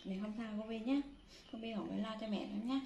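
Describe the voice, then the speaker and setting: A woman's voice: a little high, fast, gravelly, noisy background. A woman filming her pets, coaxing and affectionate, talking to them like small children. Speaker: pet owner filming her monkeys. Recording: echoey room with faint music.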